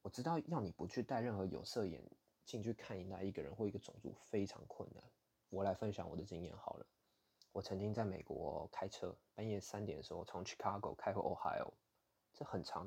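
Gravelly low-voiced Taiwanese man. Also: a little mellow. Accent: Taiwanese Mandarin. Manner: candid and indignant, with blunt swearing. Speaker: podcast host. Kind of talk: casual storytelling monologue.

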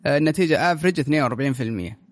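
A man's voice: fairly high pitch, animated, rapid-fire, no room sound. A man with a Gulf Arabic accent hosting a casual film chat, dropping English terms into his Arabic. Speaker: podcast host presenting a list.

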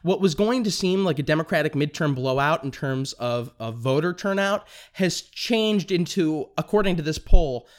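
A young man hosting a political commentary podcast, talking fast and excitably, tripping over his words and restarting sentences. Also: on the high side. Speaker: podcast host.

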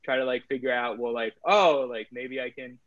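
A man speaks in a relaxed, meandering way, piling up filler words as he goes. His voice sits at a middling pitch and sounds dry and a little dull, as if recorded with a modest setup. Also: moderate pace, no room sound. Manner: rambling, heavy use of filler "like". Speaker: guest, crypto trader. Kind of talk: casual interview talk.

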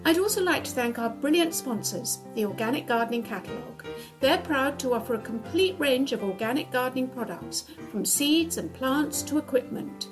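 A woman's voice: sits high, animated, moderate pace, over music. A woman hosting a gardening podcast, talking in a chatty, enthusiastic way with her co-host. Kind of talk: casual chat.

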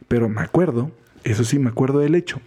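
A priest with a Mexican accent giving a chatty, informal reflection on the gospel, often laughing and acting out what people say. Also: male voice, mid-range voice, expressive, fast talker, warm tone, slightly rough. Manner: chatty, laughs often, acts out quoted voices. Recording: podcast voice recording.

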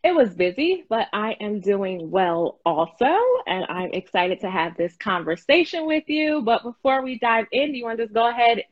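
A woman's voice: fairly high pitch, lively intonation, normal speed, few pauses. A woman host interviewing a guest over a livestream, chatty and asking long, rambling questions. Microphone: livestream call. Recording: dull lo-fi livestream audio.

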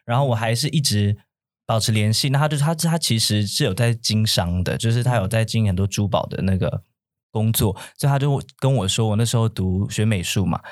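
A man's voice: on the low side, fairly quick, dry recording, studio quality. A man, earnestly telling a personal story as a podcast co-host. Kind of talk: casual chat, personal storytelling.

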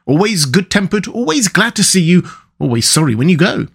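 Man acting a storybook water rat, high-pitched, very animated, good-natured, brisk, emphatic. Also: gravelly, slightly rough, heavily acted. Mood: warm, chatty. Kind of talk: storybook character dialogue.

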